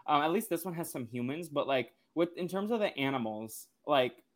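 A man's voice: on the high side, animated, a little fast. A man co-hosting a podcast, casually recapping a cartoon episode in a loose, rambling way. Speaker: podcast co-host.

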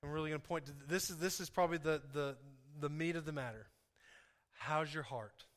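A man's voice: fairly high pitch, a little fast. A man preaching an informal, impassioned sermon to a congregation, repeating phrases for emphasis and dropping in conversational asides.

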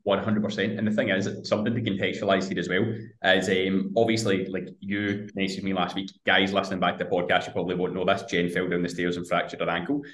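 A man's voice: low-pitched, flat delivery, quick pace, hardly any pauses, fairly bright tone, echoey room. A man hosting a podcast as a coach, talking directly and bluntly and swearing freely. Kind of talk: podcast conversation.

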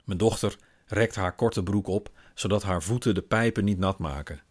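A man, a father, reading a first-person literary story in a calm, wry, observant manner. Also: sits low, normal speed. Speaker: father and narrator.

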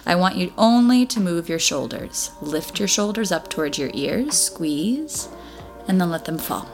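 Female Pilates instructor, lowish voice, encouraging step-by-step cueing over clear background music. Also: expressive, unhurried. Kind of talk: guided exercise class instruction.

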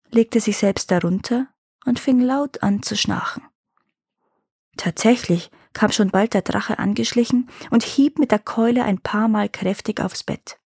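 Woman storyteller reading fairy tales, a bit gravelly and husky. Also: mid-range voice, a little mellow, no room sound, studio quality. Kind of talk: scripted fairy-tale narration.

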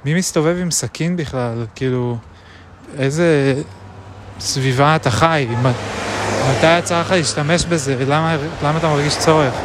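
A man recording a reflective spoken diary outdoors, musing aloud with many pauses and hesitations. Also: fairly high pitch. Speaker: video diarist. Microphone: action camera. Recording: traffic noise outdoors.

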